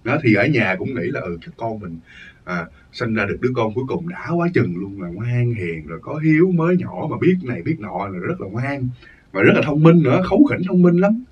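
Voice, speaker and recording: A man's voice: medium pitch, very animated, brisk, slightly rough. A man telling a ghost story in a casual, rambling way, repeating phrases for emphasis. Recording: dull lo-fi recording, distant mic.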